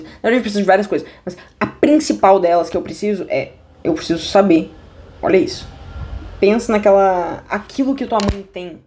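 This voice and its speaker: A woman's voice: medium pitch, darkish tone. A woman with a Brazilian Portuguese accent teaching a casual math lesson at her desk, joking, full of slang and talking straight to viewers. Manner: restless, many restarts and asides. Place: at a desk indoors.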